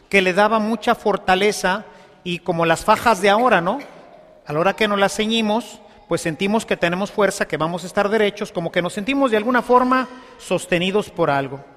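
High-voiced preacher in a reverberant hall. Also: male voice, a bit bright. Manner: conversational, asks the congregation for agreement. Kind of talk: sermon. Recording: long reverb of a large hall.

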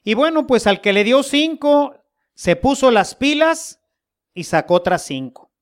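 Slow folksy Mexican preacher. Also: mid-range voice, sing-song. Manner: folksy, humorous, rhetorical questions. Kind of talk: sermon.

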